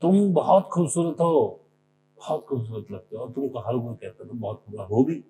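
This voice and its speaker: A man speaks in a relaxed spiritual talk, drawing on his own life and often mimicking what other people said. His voice has a gravelly edge. The recording carries clear background noise and a steady hum. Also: mid-range voice, moderate pace, low-quality recording. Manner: conversational, leans on examples from his own life. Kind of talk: informal spiritual discourse.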